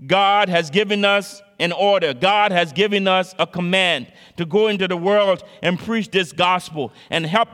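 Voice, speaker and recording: Male preacher, high and bright, earnest, repeats lines, reverberant hall. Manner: repeats phrases for emphasis, earnest exhortation. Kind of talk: sermon.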